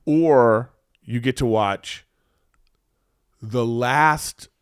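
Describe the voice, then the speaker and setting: A man co-hosting a podcast in casual conversation, telling things in an animated way and acting out imagined reactions. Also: medium pitch, drawn-out words, clear, resonant tone, no echo, studio quality. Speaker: podcast co-host.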